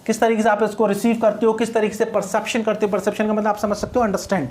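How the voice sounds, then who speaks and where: A man's voice: sits high, flat delivery, racing, a little mellow. A male teacher with an Indian English accent, giving an exam-prep phonetics lecture in Hindi mixed with English, explaining patiently and often checking that students follow.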